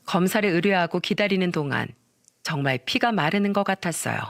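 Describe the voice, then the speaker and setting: A man's voice: high-pitched, expressive, a little fast, vocal fry, fairly bright tone, dry recording, clean studio sound. Man dramatically narrating a story.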